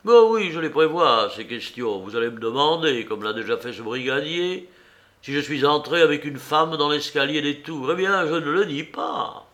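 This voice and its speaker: A man voicing a proud, evasive gentleman under arrest who speaks with restrained anger. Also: on the high side, lively intonation, moderate pace. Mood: indignant.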